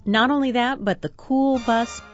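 A woman's voice: fairly high pitch, steady tone, a little slow, dull audio, soft background music. A woman co-hosting a radio arts show, bantering playfully as she reads out event listings.

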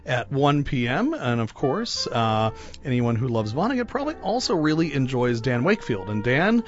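A man co-hosts an arts radio show with chatty banter. His mid-range voice runs through event listings, with music playing softly behind. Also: mid-range voice, big pitch swings, normal speed, muffled recording.

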